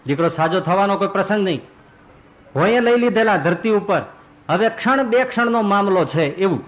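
Animated man preaching a devotional sermon. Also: high voice, moderate pace, poor audio. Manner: animated storyteller who voices characters.

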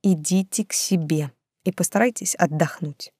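A woman voicing a calm, measured middle-aged male detective in an audiobook. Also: lowish voice, breathy edge, no echo, studio quality.

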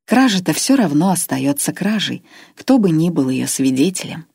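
A woman voicing a calm, mocking old male swindler in a low, husky, dry voice. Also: normal speed, dry recording, full character voice. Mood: sardonic.

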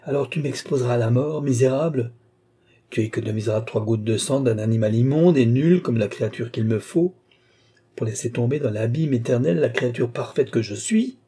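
A frail yet tyrannical old alchemist, voiced by a male audiobook reader speaks in a dark, husky tone. He is scornful and imperious, and his words keep rising into fierce outbursts. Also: mid-range voice, brisk, lightly acted. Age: older. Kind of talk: audiobook character reading.

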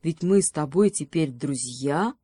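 A woman's voice: low-pitched, animated, a little slow, mellow, husky, no echo, clean studio sound, exaggerated voice. A woman voicing a proud, lofty male eagle in a fairy tale, speaking majestically. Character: grand, proud male eagle, boastful protector.

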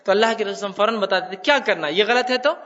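A man giving an animated religious lecture, repeating his points and asking listeners rhetorical questions. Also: sits high, distant mic, lo-fi sound. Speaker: Islamic lecturer.

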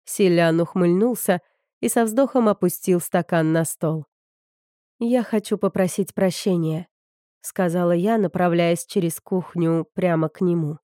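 A woman's voice: fairly low pitch, moderate pace, warm tone, dry recording, studio quality. A woman narrating a novel as an audiobook reader, giving each character a slightly different voice. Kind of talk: scripted narration.

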